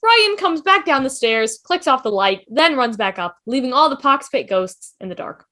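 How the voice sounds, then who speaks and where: Reading stage directions for a table read, this woman uses a high, animated voice and an expressive style. She keeps a moderate pace, and the session takes place over a video call.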